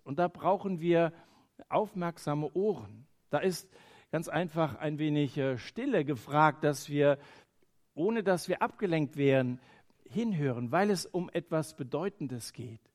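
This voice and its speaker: A man preaching a sermon in earnest, moving between emphatic lines and quiet, hushed phrases, with the odd hesitation as he thinks aloud. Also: a little high.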